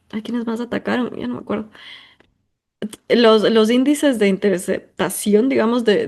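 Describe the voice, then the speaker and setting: Brief: woman, podcast host, emphatic and chatty, voice a touch high. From Ecuador. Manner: emphatic, talkative, piles up intensifiers and "o sea" fillers. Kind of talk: personal monologue.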